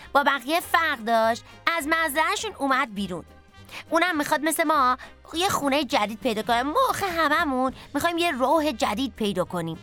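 A woman voicing a plump, many-eyed, bossy potato in a children's story, talking in a chatty, lively way. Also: sits high, pitched above the performer's own voice. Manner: chatty and lively, leading the group.

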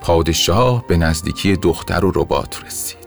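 A man narrating a bedtime story in a gentle, expressive way. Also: low voice, vocal fry. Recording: soft music under narration.

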